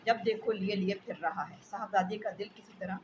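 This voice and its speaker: A woman's voice: medium pitch, normal speed, dull audio, lightly acted. Woman reading out a cross housewife who nags her kid nonstop, raised voice, a bit of hiss behind. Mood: scolding. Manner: scolding, threatening. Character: scolding harried housewife, sharp-tongued.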